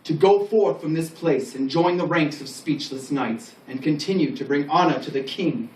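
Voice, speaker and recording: A solemn medieval king, acted by a man delivers a formal, declamatory knighting address with proud grandeur. The voice sits somewhat high. It is captured at a distance in a reverberant room, with faint noise behind it. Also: normal speed, a little mellow, close to an everyday voice. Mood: regal, formal. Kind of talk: ceremonial scripted speech. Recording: roomy, distant microphone, faint background noise.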